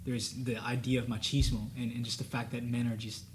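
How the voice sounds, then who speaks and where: A young man who speaks Spanish as his first language talks earnestly and reflectively as a student panelist in a casual discussion, using many fillers. His medium-pitched voice is level, brisk, and a little mellow, with a slight hiss or hum in the recording.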